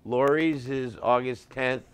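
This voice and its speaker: A man's voice: mid-range voice, fairly even intonation, takes it slowly, clean tone. A man in his sixties, a guest comedian telling bawdy stories in casual talk-show banter. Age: 60s. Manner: joking storyteller with bawdy punchlines.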